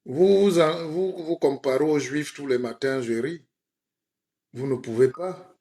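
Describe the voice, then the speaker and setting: A man's voice: on the high side, a little slow, warm tone. A man playing a comic spiritual guide in a mock sermon on a live stream, playful and rhetorical, often asking his listeners "hein?". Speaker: comedic self-styled spiritual guide.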